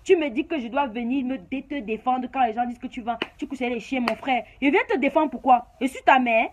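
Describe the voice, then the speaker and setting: A woman with a Cameroonian French accent and a high voice rants straight into the camera. She is confrontational and scolding, and she drives each point home by repeating her jabs. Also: fairly quick, background noise. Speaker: YouTuber. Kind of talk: heated rant to camera.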